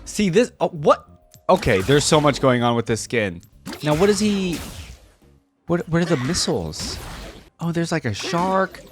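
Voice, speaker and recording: Over a backdrop of music and game audio, a young reaction host thinks aloud in casual running commentary, now and then bursting into exclamations. His voice sits a little high and sounds very animated, yet he speaks unhurriedly and pauses often.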